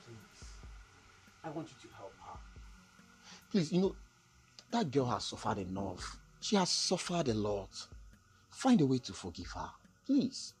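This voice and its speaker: An actor playing a concerned male friend in a film drama, imploring in an emphatic, halting way. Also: mid-range voice, wildly swooping pitch, soft background music, rough recording. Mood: earnest pleading. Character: concerned, earnest male friend pleading for forgiveness.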